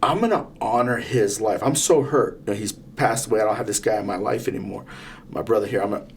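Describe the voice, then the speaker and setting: A man's voice: lowish voice, quick pace, creaky, a little hiss or hum. A man of fifty, co-hosting a podcast, talking earnestly in long stories with many restarts. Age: 50s. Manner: earnest, repetitive restarts, storytelling. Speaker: podcast co-host. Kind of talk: casual podcast conversation.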